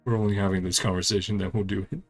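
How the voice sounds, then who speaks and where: A gaming channel host with a lowish, level voice races through casual playthrough commentary on a video game, faint music behind him. He talks in clipped fragments and murmured reactions.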